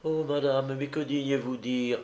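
A man's voice: medium pitch, fairly even intonation, measured pace, darkish tone, voice pushed up, close to an everyday voice. A man reading aloud, voicing a sly, persuasive woman housekeeper who coaxes her mistress. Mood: wheedling. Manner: wheedling, persuasive.

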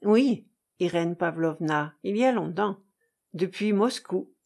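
A woman reading aloud voices a reserved gentleman who speaks in quiet, restrained lines. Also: lowish voice, lively intonation, slow pace, vocal fry, full character voice.

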